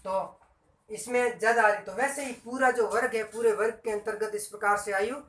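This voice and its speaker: A man's voice: high voice, steady tone, a little fast, fairly bright tone, far from the mic. A man giving a grammar lesson who keeps repeating points and quizzing his listeners with questions. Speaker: Hindi grammar teacher. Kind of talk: classroom-style grammar lesson. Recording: echoey room, voice off-mic.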